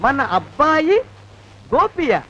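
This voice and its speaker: A wailing comic servant. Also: male voice, very high voice, very animated, fairly bright tone, slight background noise, exaggerated voice. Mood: mocking. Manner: wailing, fast comic banter. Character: bumbling cowardly comic servant, middle-aged man. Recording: dull film soundtrack.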